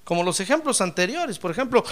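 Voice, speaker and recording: Talking fast in a high voice, this preacher delivers an animated sermon. It's full of rhetorical questions, humor, and loud shouts of praise.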